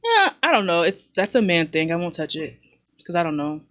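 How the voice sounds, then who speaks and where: A man with a notably high-pitched voice talks in a casual podcast chat. He speaks candidly and reflectively and shares his thoughts at an unhurried pace. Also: sing-song, a bit bright. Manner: reflective, candid talk about parenting. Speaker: podcast co-host.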